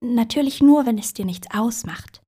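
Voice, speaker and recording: A woman's voice: a little high, lively intonation, normal speed, warm tone, breathy edge, pitched above the performer's own voice. A woman voicing a very polite, timid male hare in a storybook reading, in whispered role-play with an overly courteous manner.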